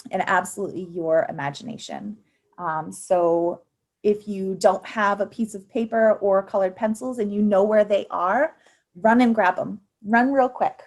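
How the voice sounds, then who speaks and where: A woman's voice: mid-range voice, a little mellow. A woman in her thirties leading an online youth finance workshop, upbeat and encouraging, with frequent ums, speaking into a computer mic on a video call. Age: 30s. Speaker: financial literacy presenter.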